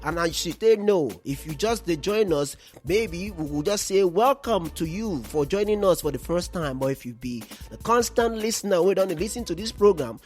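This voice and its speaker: A man's voice: sits high, lively intonation, normal speed, few pauses, faint music behind. A man with a Nigerian accent hosting a podcast in a conversational monologue, speaking Nigerian Pidgin. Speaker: podcast host.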